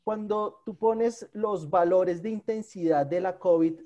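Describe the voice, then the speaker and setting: A man's voice: sits high, unhurried, dark tone. A man asking questions in an online academic discussion, phrasing things hesitantly and repeating words. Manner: hesitant, careful phrasing with repetitions. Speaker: seminar participant asking questions. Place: online video call.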